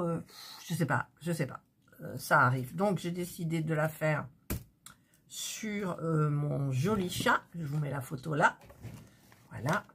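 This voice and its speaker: A woman's voice: fairly low pitch, breathy edge. A woman hosting her craft channel, chatting casually as she works at her desk, often breaking off mid-sentence and getting flustered. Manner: chatty, self-interrupting, easily flustered. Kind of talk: casual chat while crafting. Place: home desk.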